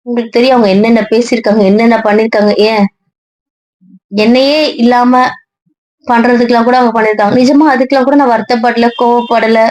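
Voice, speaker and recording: A woman's voice: a little high, fairly even intonation, a little fast, darkish tone, low-quality recording. A young woman acting a distressed wife in a family web series, pleading in a strained, tearful voice.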